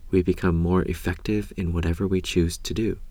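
A man leading a guided meditation in a calm, gentle, measured way, with a soft voice that turns breathy at the ends of phrases. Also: deep voice, no echo. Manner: calm, gentle, measured delivery with long pauses. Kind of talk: slow guided meditation narration.

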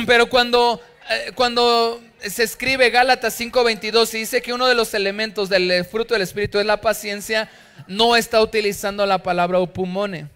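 A man's voice: high-pitched, little pitch movement, normal speed, a bit bright, clean tone. A middle-aged man with a Mexican Spanish accent, preaching a sermon through humorous anecdotes and acting out characters. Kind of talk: storytelling sermon.

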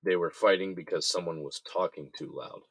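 A man's voice: low voice, steady tone, a little fast, husky, dry recording. An actor playing a wary male inmate who talks in a curt, guarded way. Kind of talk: audio drama acting.

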